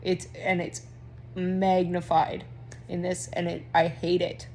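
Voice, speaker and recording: A woman's voice: fairly low pitch, completely flat delivery, takes it slowly, mellow, slight background noise. A woman talking candidly in a rambling, profane, stream-of-consciousness monologue, often restarting and trailing off. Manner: restless, frequent restarts and trailing off. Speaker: vlogger.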